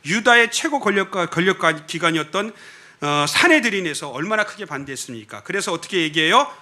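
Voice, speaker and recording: Bright, animated Korean pastor preaching. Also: male voice, high voice, fairly quick. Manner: animated, with frequent rhetorical questions to the congregation. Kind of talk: sermon. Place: church sanctuary during a worship service.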